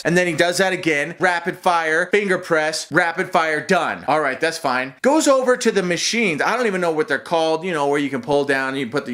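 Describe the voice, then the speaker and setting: A man telling a comedic personal story to camera, animated, stumbling and restarting as he acts things out. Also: fairly high pitch. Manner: animated, acts out other people's voices, frequent restarts. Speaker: storyteller, channel host. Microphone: camera-mounted shotgun mic.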